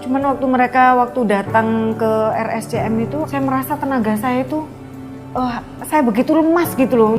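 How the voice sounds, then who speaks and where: A middle-aged woman, a bereaved mother, telling her testimony with emotion, her voice swinging from soft to loud pleading. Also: high-pitched, brisk, music in the background. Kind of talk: testimony interview.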